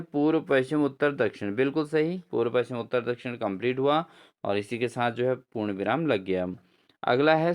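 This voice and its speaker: This man's clear, resonant voice sits in the mid range as he explains quiz answers for an exam-prep grammar class. He raises questions, answers them himself, and keeps greeting viewers in a friendly manner.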